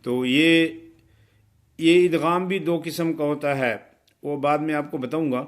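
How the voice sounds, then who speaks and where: A man's voice: a little high, steady tone. Man teaching Quran recitation rules. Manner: explains rules, then recites verses slowly and melodically; imitates common mistakes to correct them. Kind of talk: tajweed lesson with recitation.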